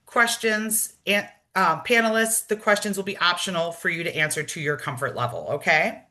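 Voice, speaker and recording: A woman opening an online community session as its host, reading a scripted welcome in a measured, formal way over a video call. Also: lowish voice, pushed and bright. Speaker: event organizer and host.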